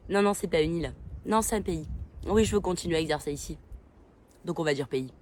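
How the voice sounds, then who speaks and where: A woman voicing a self-assured male tour guide in a comedy sketch, speaking low and hushed with chuckling asides. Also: fairly quick, slight background noise, lightly acted. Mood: smug.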